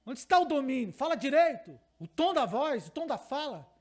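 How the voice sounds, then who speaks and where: A man with a Brazilian Portuguese accent preaches a teaching sermon in a strikingly high voice. He presses his points by repeating phrases and putting questions to the congregation. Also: sing-song, moderate pace, a little mellow. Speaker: pastor.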